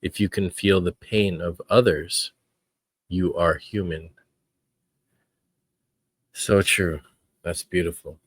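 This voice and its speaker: A man hosting his own podcast, talking in an earnest, reflective way with frequent pauses. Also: deep voice, steady tone, husky, no echo. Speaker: podcast host. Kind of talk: casual podcast commentary.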